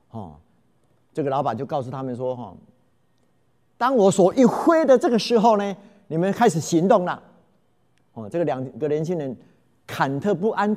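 A man telling parables in a lecture to an audience, with dramatic swings in loudness and frequent drawn-out fillers. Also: a little high.

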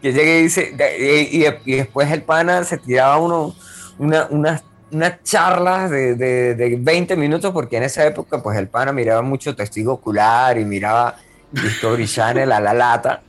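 A man's voice: mid-range voice, moderate pace, soft background music. A man in his late twenties with a Venezuelan accent, telling a story in a casual, rambling way and repeating words as a podcast co-host. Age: 20s.

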